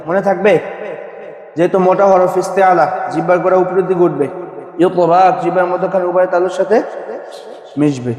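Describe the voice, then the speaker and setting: A man teaching Quran recitation, running a call-and-response pronunciation drill and coaxing his students to answer louder. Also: sits high. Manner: repeats questions and coaxes students to answer louder. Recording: echoey hall.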